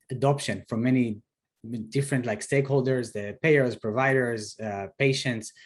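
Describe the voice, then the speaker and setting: A man in his thirties with an Israeli accent, a startup founder answering interview questions, pausing often with fillers and restarts. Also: mid-range voice, darkish tone. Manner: hesitant, many fillers and restarts. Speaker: startup CEO guest. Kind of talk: video call interview.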